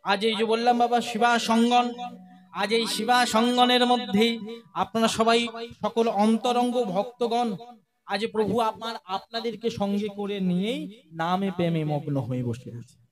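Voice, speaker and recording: Guy with a really high voice doing kirtan, slow drawn-out chanting, tabla going behind. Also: steady tone. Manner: leads call-and-response chanting, coaxes the crowd. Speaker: kirtan singer. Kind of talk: devotional kirtan singing and preaching. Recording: live with loud music. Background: tabla and harmonium music.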